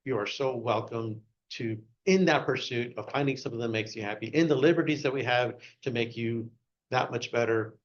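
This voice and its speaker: A man giving a short speech at a club meeting, asking the audience one question after another and growing loud and excited at times. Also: mid-range voice, brisk, muffled recording. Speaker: club speaker.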